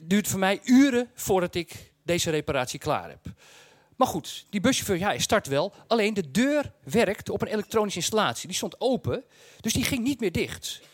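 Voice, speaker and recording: A man with a distinctly high voice recounts an anecdote in a very dry recording. He talks casually and bluntly, in colloquial language, and performs the story as he tells it. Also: very animated, normal speed, dry recording. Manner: acts out dialogue and sound effects. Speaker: storyteller recounting his travel experience.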